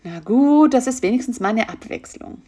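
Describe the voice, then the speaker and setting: A woman's voice: fairly high pitch, lively intonation, normal speed, warm tone, breathy edge, voice pushed up. A woman voicing a cheeky, gloating little male fly in a perky, smug tone.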